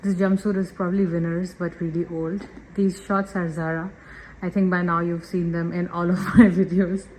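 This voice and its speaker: Chatty woman vlogger, lowish voice. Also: little pitch movement, normal speed, darkish tone, a little hiss or hum. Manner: chatty and upbeat, talks straight to viewers. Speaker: lifestyle vlogger. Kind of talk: casual vlog chat.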